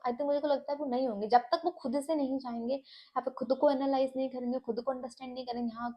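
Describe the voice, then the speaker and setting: A woman's voice: sits high, warm tone. A young woman talking to camera in a casual, earnest way, often mixing English into her Hindi and using many fillers, and growing heated and emphatic as she goes. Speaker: vlogger.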